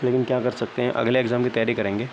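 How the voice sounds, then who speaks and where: A young man races through his explanations in a medium-pitched, darkish voice with little pitch movement. As an exam-prep vlogger addressing viewers casually, he sounds disappointed and downcast, regularly adding check-in tags such as "okay, right." The recording is lo-fi and dull, with faint background noise.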